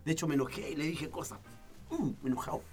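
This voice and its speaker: Playful Chilean pastor, higher voice. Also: male voice, lively intonation, quick pace, over loud music. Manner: playful storyteller, easily amused. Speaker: podcast co-host, pastor. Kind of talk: casual banter.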